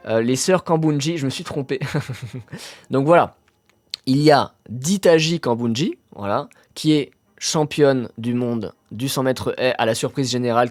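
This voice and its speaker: A man's voice: medium pitch, no echo. Chatty male streamer, dry close sound. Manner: chatty, many fillers, excitable bursts. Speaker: streamer hosting an athletics live. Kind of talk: casual live-stream chat reading the chat.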